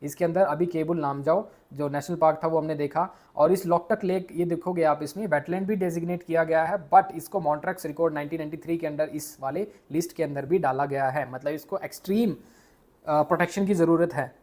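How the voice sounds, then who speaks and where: A man from India with an Indian accent, teaching a quick exam revision lesson, mixing English into his speech and stumbling over hard names. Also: a little high, steady tone, darkish tone. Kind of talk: casual exam revision lecture.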